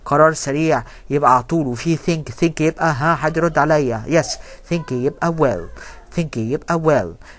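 A man with an Egyptian Arabic accent teaching an English grammar lesson. He reads the English sentences slowly and then explains them quickly in Arabic. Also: on the high side.

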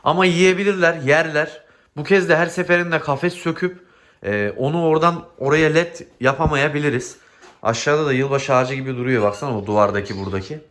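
A man's voice: fairly high pitch, fairly quick, fairly bright tone. A man, a bird breeder, chatting casually to his viewers in an indoor breeding room under renovation, his voice echoing in the half-empty space. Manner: chatty, addresses viewers as friends. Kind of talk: casual vlog talk to viewers.

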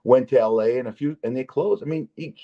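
A man hosting a podcast, chatting loosely and telling stories with lots of restarts and emphatic asides. His voice sits at an ordinary middle pitch. The audio is a bit dull and lo-fi. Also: fast, a crowd in the background. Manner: rambling, restarts, emphatic storytelling. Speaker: podcast host. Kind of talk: casual chat. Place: Las Vegas.

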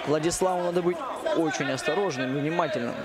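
A man giving live MMA commentary, halting at times and repeating phrases for emphasis. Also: fairly high pitch. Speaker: fight commentator. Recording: music and crowd noise behind. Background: arena music and crowd.

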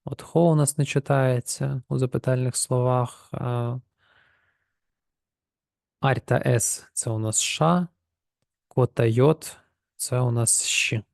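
A man teaching a pronunciation lesson, explaining rules and saying each example word slowly twice so the listener can copy it. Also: medium pitch, steady tone, vocal fry, darkish tone, no echo, studio quality. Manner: slow, repeats words to model pronunciation. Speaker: language teacher.

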